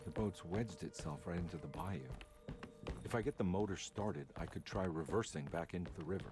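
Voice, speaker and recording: A man's voice: sits low, a little fast, music in the background, lightly acted. A man playing an anxious male investigator in a video game. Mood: muttering, thoughtful. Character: anxious male investigator searching a bayou for Jeremy.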